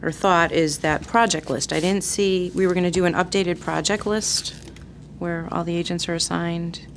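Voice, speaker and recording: A woman's voice: fairly low pitch, fairly even intonation, normal speed. A woman chairing a public agency meeting, talking informally through procedural business. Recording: clear background noise, meeting room.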